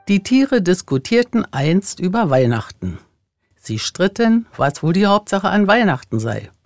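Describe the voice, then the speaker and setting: A narrator reading a Christmas animal fable aloud, slow and expressive. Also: medium pitch, dry recording, faint music behind. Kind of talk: storybook reading.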